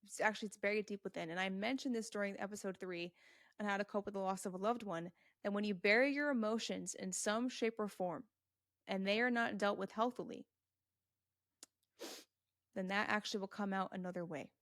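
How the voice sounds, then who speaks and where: A woman's voice: medium pitch, brisk, a bit bright, dry recording, studio quality. Earnest woman hosting a solo podcast. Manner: earnest and emphatic, repeats key points for stress; addresses the listener directly and answers imagined questions. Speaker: podcast host. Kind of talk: solo motivational podcast talk.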